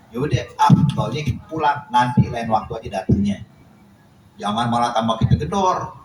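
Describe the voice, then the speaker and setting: A man preaching a sermon, telling a story and acting out its dialogue with animation. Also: mid-range voice. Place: mosque or study hall. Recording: echoey hall, distant mic, noise.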